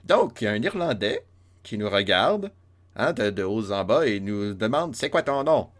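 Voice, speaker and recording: A man talks through a game in a relaxed, joking way, often looping back on his words. His voice sits on the low side. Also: normal speed. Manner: playful, joking, many fillers and restarts. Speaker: let's play host. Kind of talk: casual game commentary.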